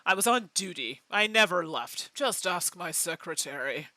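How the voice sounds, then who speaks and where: A woman's voice: lowish voice, expressive, moderate pace, bright, forceful tone, no echo. A woman voicing a dismissive, aloof male doctor, a pipe-chewing figure from a mystery game, in an offhand, brusque manner.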